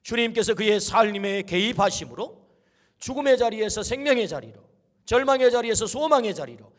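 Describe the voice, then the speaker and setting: A middle-aged male pastor delivering an exhorting sermon, calling the congregation to answer amen. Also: high voice. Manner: exhorting, call-and-response with amen. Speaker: senior pastor.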